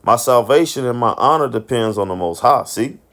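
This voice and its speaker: A man's voice: mid-range voice, expressive, brisk, fairly bright tone. A man giving informal scripture commentary, reading Bible verses and ending his phrases with "man" and plenty of swearing. He repeats and restarts words and asks himself questions before answering them. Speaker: street preacher and commentator.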